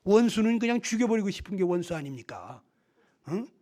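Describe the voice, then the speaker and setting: Male lay preacher, very high-pitched, emphatic, rhetorical-question delivery at a gospel meeting. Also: sing-song, fairly quick, darkish tone. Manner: emphatic, keeps prodding listeners with rhetorical questions.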